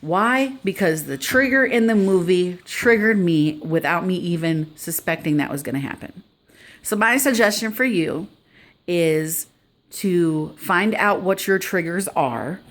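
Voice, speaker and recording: A woman's voice: lowish voice, animated, unhurried. A middle-aged woman talking casually to the camera in an earnest, conversational way, sharing her own experience. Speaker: vlogger sharing personal experience.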